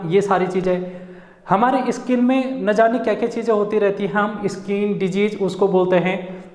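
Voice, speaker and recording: High-voiced coaching teacher, echoey room. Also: male voice. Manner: chatty, repeats "friends" often. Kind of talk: casual classroom lecture. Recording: echoey room with long reverb.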